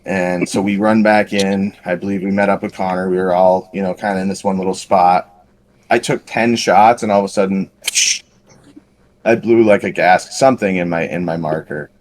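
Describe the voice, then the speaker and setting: A man's voice: low-pitched, steady tone, moderate pace, a little mellow, a little hiss or hum. A man on a podcast casually telling a long paintball story, rambling and self-deprecating with lots of fillers. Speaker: podcast co-host.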